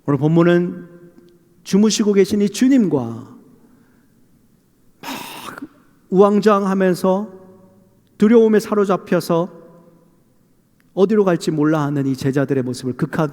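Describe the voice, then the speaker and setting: Male pastor with a high voice, sermon delivery, heavy hall reverb. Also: a little slow, pauses often. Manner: poses rhetorical questions to the congregation; dramatizes Bible quotes in lively voices. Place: church sanctuary. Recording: long reverb of a church hall.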